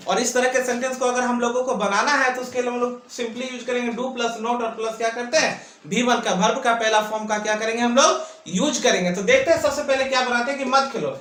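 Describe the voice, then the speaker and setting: A high-pitched man gives an online English grammar lesson. He keeps asking his own questions and answering them, stretching out his words. His voice sounds echoey and a little distant from the mic. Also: a bit bright. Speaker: English teacher.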